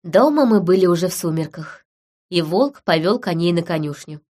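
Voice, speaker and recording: A woman narrating a story in the first person with even storytelling. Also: fairly low pitch, moderate pace. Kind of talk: scripted narration.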